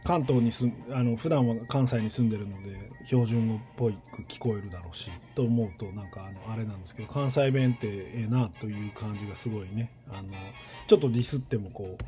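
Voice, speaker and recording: A man in his forties from western Tokyo, speaking standard Japanese with a Kansai tinge, talks to nursery teachers in a casual solo monologue, rambling and thinking aloud with many pauses. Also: on the low side, dark tone, soft background music.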